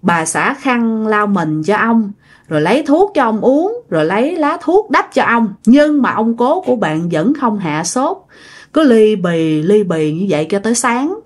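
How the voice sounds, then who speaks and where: A woman's voice: medium pitch, sing-song, measured pace. A woman telling a ghost story in a chatty, folksy way, speaking to the listener.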